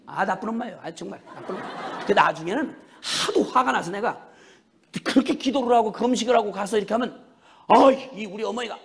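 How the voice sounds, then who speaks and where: A man preaching a sermon as a missionary, telling stories in an animated way and acting out scenes with sudden shouts. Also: high voice.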